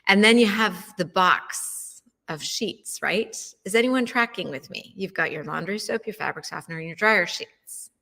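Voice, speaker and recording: A woman's voice: mid-range voice, moderate pace, vocal fry, pushed and bright, big-room sound. A middle-aged woman host telling a casual story to her listeners, chatty and full of questions and fillers. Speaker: wellness show host.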